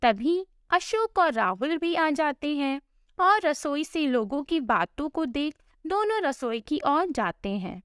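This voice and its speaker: A woman narrating a scripted family story in a slow, expressive storytelling manner. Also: sits high, dry recording, studio quality.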